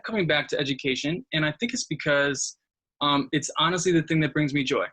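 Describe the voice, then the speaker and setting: Relaxed male history teacher. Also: fairly high pitch, brisk, breathy edge, low-quality recording. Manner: relaxed, friendly storytelling. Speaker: history teacher being interviewed. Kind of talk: school interview answers.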